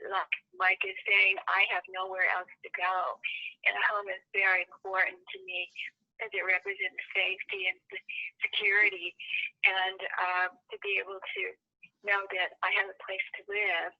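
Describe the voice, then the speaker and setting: Flat-voiced woman in her seventies on the phone. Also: medium pitch, normal speed. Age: 70s. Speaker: tenant plaintiff. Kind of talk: press conference statement by phone. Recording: muffled phone line.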